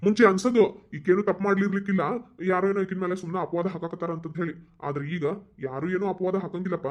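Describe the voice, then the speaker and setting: A man's voice: high-pitched, steady tone, racing, close to an everyday voice. A man voicing a stern, resentful father in a cartoon, scolding in a North Karnataka accent. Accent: North Karnataka Kannada. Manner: scolding, grumbling. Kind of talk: cartoon voice acting. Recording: dull lo-fi recording.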